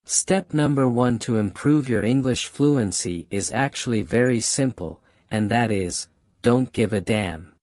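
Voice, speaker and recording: A Hong Kong man, a native Cantonese speaker, hosts a channel and gives language advice, speaking motivationally to camera with emphasis and repeated key phrases. His voice is mid-range and darkish, delivered at a measured pace. The recording is studio quality with no echo.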